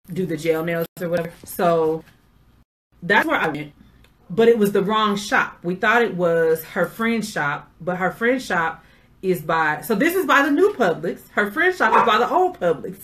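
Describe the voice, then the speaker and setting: A woman's voice: lowish voice, animated, moderate pace, a bit bright. A middle-aged woman hosting a casual chat, telling stories with sassy asides. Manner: chatty storyteller, sassy asides. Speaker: podcast host.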